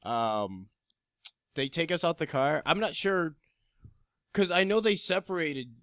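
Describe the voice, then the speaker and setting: A young man from New Jersey casually telling a story on a podcast, acting out officers in a lower, quieter voice. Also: expressive, measured pace, clean tone, no echo, clean studio sound. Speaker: podcast co-host.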